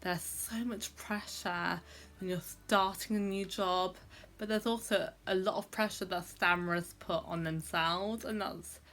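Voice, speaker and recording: Speaking at a measured pace with fairly even intonation, this young adult vlogger has a medium-pitched, slightly bright voice. She talks reflectively to camera in a personal vlog, stammering, repeating sounds, and often using fillers.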